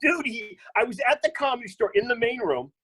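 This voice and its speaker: A man's voice: extremely high pitch, fairly quick, husky. A man telling blunt, profane stories in casual podcast chat. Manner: profane, blunt, animated storyteller. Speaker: comedian guest.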